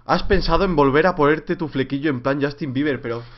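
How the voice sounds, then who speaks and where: A man's voice: fairly high pitch, fast talker. Jokey Spanish man on a dull stream. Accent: Spain. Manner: rambling and jokey, with sudden loud jumps. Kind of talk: casual livestream Q&A. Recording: slightly dull lo-fi stream audio.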